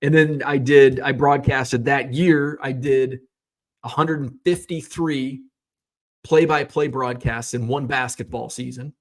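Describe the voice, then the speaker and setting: A man's voice: medium pitch, fairly even intonation, a little slow. A man in his thirties, a sports card seller, telling a casual personal story in a rambling, self-correcting way with the odd chuckle. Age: 30s.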